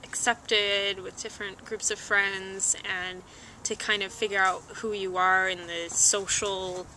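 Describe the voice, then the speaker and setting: A woman's voice: medium pitch, a little slow. A young woman chatting casually as a guest, telling a story with frequent laughter. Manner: laughs often, animated storytelling. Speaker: visiting guest, younger cousin. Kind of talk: casual chat. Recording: home video with noisy background.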